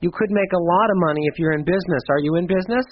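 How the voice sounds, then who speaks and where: A man's voice: sits high, racing, slight background noise. A man hosting a call-in radio show, giving chatty, reassuring astrology readings to callers. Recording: slightly dull radio broadcast.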